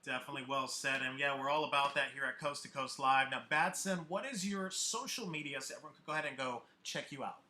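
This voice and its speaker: A man's voice: medium pitch, fast, few pauses, pushed and bright. A man hosting a live online music competition over a video call, introducing judges and artists with an upbeat announcer delivery. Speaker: host.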